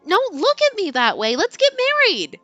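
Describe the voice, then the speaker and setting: A woman acts out a boy-crazy teenage girl from a game, very high and swooping. She is bubbly, dramatic and pushy, gushing insistently in a bright voice. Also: huge pitch swings, normal speed, no room sound, highs cut off, faint music behind, full character voice. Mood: lovestruck, pleading. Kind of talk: expressive character reading of game text.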